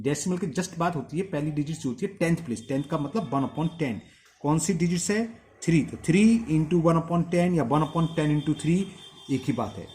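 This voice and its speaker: Male maths tutor, somewhat high and very lively in pitch, walks pupils through steps. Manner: asks questions and answers them himself, repeating steps. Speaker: maths teacher. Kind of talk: blackboard-style maths lesson.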